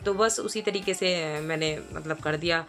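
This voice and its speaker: A woman's voice: low voice, moderate pace, fairly bright tone, faint music behind. Chatty mother narrating her home vlog. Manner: chatty, rambling, many fillers and restarts. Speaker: vlogger. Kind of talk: casual voice-over narration.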